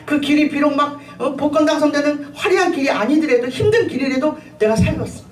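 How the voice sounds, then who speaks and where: A middle-aged woman pastor giving a sermon with personal testimony, telling her story in an animated way with frequent laughter and fillers. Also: high voice, fairly quick. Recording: echoey room, voice from a distance, faint ambient noise.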